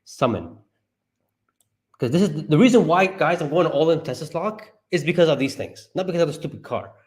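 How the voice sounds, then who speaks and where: A man streaming live commentary as he reads through a report, talking to himself and his viewers and breaking into excited high yelps. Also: a little fast. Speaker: stock market streamer.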